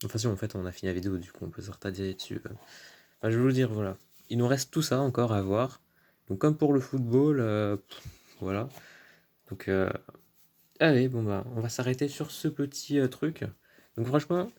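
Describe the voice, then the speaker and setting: A man's voice: mid-range voice, a little mellow. A man chatting casually in a vlog, going through his card collection, full of "euh" and "hein", stretching out card names with enthusiasm. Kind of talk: casual unboxing-style vlog commentary.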